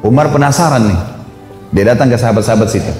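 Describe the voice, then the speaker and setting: A man telling a religious story as a preacher, animated and chatty, with conversational asides to his listeners. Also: mid-range voice, fast talker. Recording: echoey hall with faint music.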